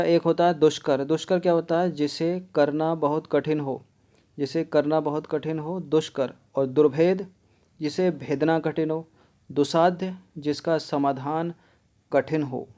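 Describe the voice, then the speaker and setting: A man teaching an exam-prep grammar lesson, repeating words slowly and explaining each answer step by step. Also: a little high, warm tone. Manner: explains step by step, often says 'theek hai'.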